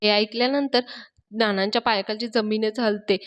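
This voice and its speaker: A woman's voice: medium pitch, fairly even intonation, normal speed. A woman reviewer retelling a TV serial episode in a storytelling manner, addressing her viewers as "folks".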